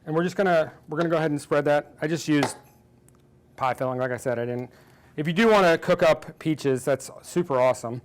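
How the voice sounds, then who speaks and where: While baking, a forties-aged cooking show host banters with and teases his guest in casual conversation. He speaks briskly in a slightly high voice, and there is a little background noise.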